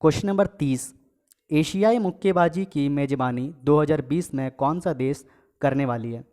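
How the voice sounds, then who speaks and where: A man with a fairly high, slightly mellow voice runs a casual exam-prep quiz, calling his viewers friends and guys. He reads each question and its options aloud, gives the answer and repeats it, and keeps checking in with a quick "okay" between points.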